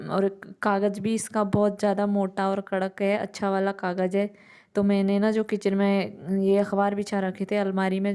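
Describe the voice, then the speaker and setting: Tired mom vlogger, even and mellow, rambles through chores in a home kitchen. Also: female voice, medium pitch, clear, resonant tone. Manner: rambling, talks on while doing chores. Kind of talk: casual chatty home vlog narration.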